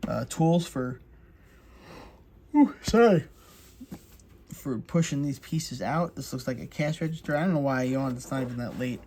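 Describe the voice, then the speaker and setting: Relaxed chatty man unboxing a craft kit. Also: medium pitch, brisk, hardly any pauses. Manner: relaxed, chatty, many fillers. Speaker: crafts channel host. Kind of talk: casual unboxing walkthrough.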